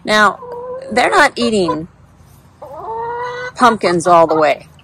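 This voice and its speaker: Holding her phone from off screen, a woman chats her way through a backyard chicken run, slipping into a high, playful voice for her hens. She takes her time, with lively intonation and a fairly bright tone, though the rough audio picks up a little hiss or hum.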